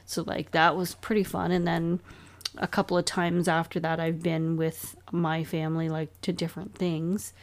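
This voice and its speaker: A young woman co-hosting a podcast with her husband, chatting casually, full of "like" and quick laughs. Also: on the low side, little pitch movement. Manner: chatty, giggly, lots of "like". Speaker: podcast co-host. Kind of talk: casual chat.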